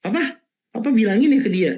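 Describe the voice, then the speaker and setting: A man's voice: high-pitched, animated, brisk, darkish tone, husky, pitched above the performer's own voice, heavily acted. A man voicing a nagging housewife who complains fussily in a story told in a sermon. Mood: surprised. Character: nagging housewife scolding neighbor's laundry.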